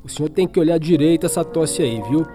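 Guy acting worried small town doctor, radio play, fast talker, mellow high voice. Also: soft background music, lightly acted. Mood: concerned.

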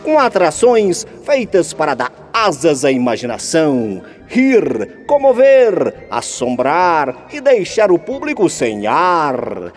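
A man's voice: on the high side, huge pitch swings, faint music behind. A man announcing a radio documentary in a grandiose circus-ringmaster style, drawing out his words like a showman. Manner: grandiose, drawn-out showman delivery. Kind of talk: theatrical circus-ringmaster introduction.

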